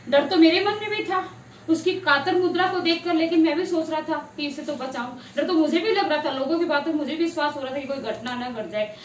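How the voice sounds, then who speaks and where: A high-pitched woman teaches a class lesson, retelling a story and pausing to explain the meaning of difficult words. Her voice is recorded from a distance in an echoey room. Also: a little hiss or hum. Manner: retells the story then glosses hard words. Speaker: Hindi teacher.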